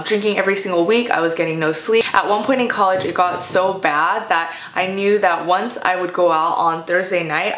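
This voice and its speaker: A woman's voice: fairly low pitch, a bit bright. American young woman in an echoey room. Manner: candid, conversational, frequent "like". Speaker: vlogger. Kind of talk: casual personal storytelling.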